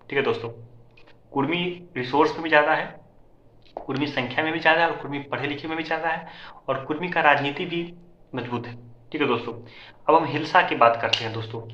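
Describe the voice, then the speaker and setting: A man's voice: fairly high pitch, fairly bright tone, a little hiss or hum. A man presenting census figures in an informal, repetitive explainer style, often calling out to his viewers as friends. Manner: rapid, repetitive, keeps addressing viewers as friends. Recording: echoey, slightly dull lo-fi audio.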